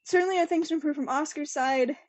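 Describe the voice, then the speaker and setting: Chatty young woman with a high voice, laughs often, casual podcast co-host, talks through what she reads. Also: fast, a little mellow. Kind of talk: casual chat about motor racing.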